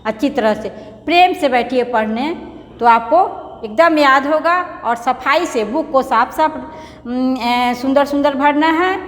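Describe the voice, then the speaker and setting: A woman teaching young children a reading lesson, patient and slow, spelling words out and often calling the pupils "beta". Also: high voice. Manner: patient, repeats words and spells them out slowly; calls the pupils "beta" affectionately. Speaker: primary school teacher. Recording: echoey room, long reverb.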